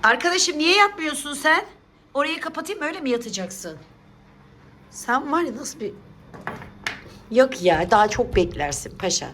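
A woman with a slightly high voice chats to her cat in a playful, coaxing way, calling it over again and again and scolding it with affection. Faint ambient sound sits behind her. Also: expressive, normal speed, long pauses, slight background noise. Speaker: vlogger talking to her pet cat. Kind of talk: casual pet talk.

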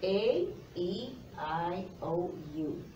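This middle-aged phonics teacher speaks on the low side, with lively intonation and drawn-out words, encouraging the young children she's talking to. Captured by a far camera across the classroom, the audio is dull, roomy, distant, and faintly noisy.

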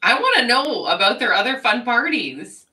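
A woman's voice: on the high side, very animated, normal speed, sharp tone, distant mic. A woman co-hosting a comedy podcast, giggling and chatting casually with short reactions. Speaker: podcast co-host.

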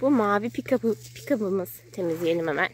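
On a kids' channel, a mother plays with her young child at a sand and gravel pile outdoors, narrating the toy play in a medium-pitched, lively voice at normal speed. Her phrases are simple, repeated, and sing-song, with plenty of questions.

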